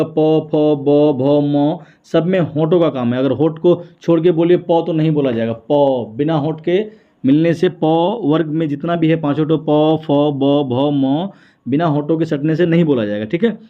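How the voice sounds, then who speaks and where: A man teaching a Hindi exam prep lesson. He asks questions and answers them himself, repeating each point. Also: a little high. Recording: tinny phone-like sound.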